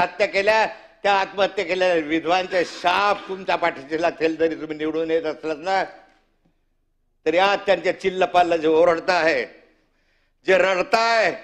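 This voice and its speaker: A man's voice: high voice, fairly bright tone. A male legislator giving an impassioned, rhetorical assembly speech, accusing the government in a fiery tone. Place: state legislative assembly chamber.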